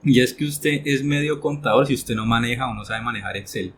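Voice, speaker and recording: A man's voice: medium pitch, brisk, slight background noise. Direct man moderating a panel. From Colombia. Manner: direct, advising students. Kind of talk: casual panel chat.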